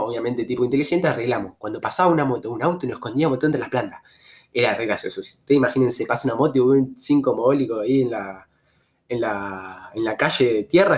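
A young man with an Argentine Rioplatense accent telling a story in a casual, slangy way. His pitch jumps sharply at the tense moments. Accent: Argentine Rioplatense Spanish. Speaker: vlogger.

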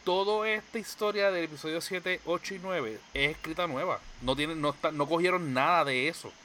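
A man's voice: on the high side, brisk, sharp tone, a little hiss or hum. A man in casual chat, eagerly explaining things at length.

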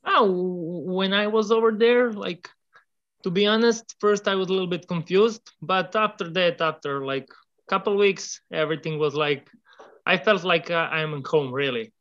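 A young man from Serbia, speaking English as an in a halting, hesitant way while searching for words as a guest on a remote interview. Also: sits high, a bit bright, highs cut off. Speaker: guest, former exchange student.

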